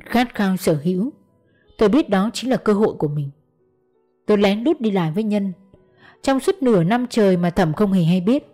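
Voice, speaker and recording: A woman narrating an audiobook in a calm, measured storytelling manner. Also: mid-range voice.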